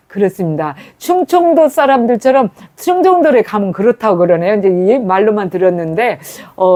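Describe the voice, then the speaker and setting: A woman's voice: mid-range voice, a little mellow. A woman preacher delivering a sermon, telling stories with frequent fillers and hesitant restarts.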